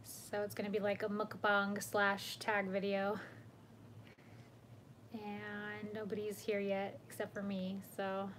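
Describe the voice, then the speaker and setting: A woman's voice: mid-range voice, monotone, slow pace, a bit bright, slight background noise. A young woman casually chatting on a home livestream, greeting viewers by name and laughing often. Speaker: vlog host. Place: home room.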